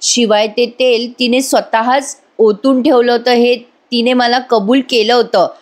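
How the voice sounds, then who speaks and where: An anxious young wife who issues earnest warnings to her family, voiced by a woman. Her tone stays a little high. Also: fairly even intonation, a little slow, close to an everyday voice.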